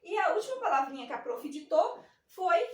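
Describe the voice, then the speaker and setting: A woman teacher, telling a story to young children in an animated, sing-song reading lesson. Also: very high voice, moderate pace. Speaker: primary school teacher. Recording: echoey room, distant mic.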